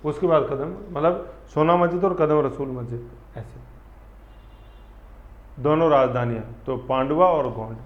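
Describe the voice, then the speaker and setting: A man teaching an exam-prep class, lively and full of memory tricks, often checking that students follow. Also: a little high, unhurried, long pauses. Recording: roomy, dull lo-fi classroom sound.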